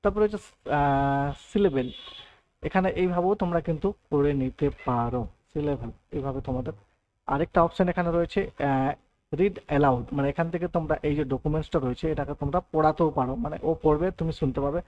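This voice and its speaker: Fast-talking man teaching software, lo-fi sound. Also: a little high. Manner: explains step by step, often adds "thik ache" and "right". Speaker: computer tutor. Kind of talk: screen-recorded software tutorial.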